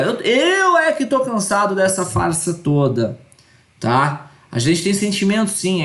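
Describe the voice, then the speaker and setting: A man's voice: fairly high pitch, fairly bright tone, reverberant. A man teaching an online course lecture, earnest and repeating his points with tag questions.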